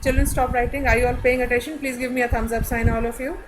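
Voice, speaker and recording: A schoolteacher with an Indian English accent leads an online class over a video call, her voice pitched a little high. She explains things slowly and patiently, drawing out her words. A steady hiss of noise sits under the call audio. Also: low-quality recording. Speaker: primary school teacher. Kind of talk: online class teaching, mixing Hindi and English.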